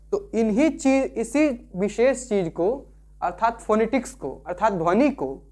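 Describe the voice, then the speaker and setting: A man's voice: sits high, darkish tone. A male teacher gives a careful, step-by-step online lesson. He goes back over each point several times and keeps asking whether the listener follows before he moves on. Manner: repetitive, keeps checking understanding with tag questions. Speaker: Sanskrit teacher.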